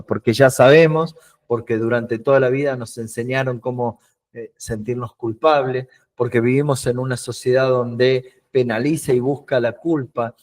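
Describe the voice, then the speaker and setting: A man's voice: mid-range voice, a little mellow. A man with a Rioplatense Spanish accent, teaching an online emotional coaching class. He talks animatedly, acts out short dialogues in his examples, and often repeats words while searching for the next one. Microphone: video call.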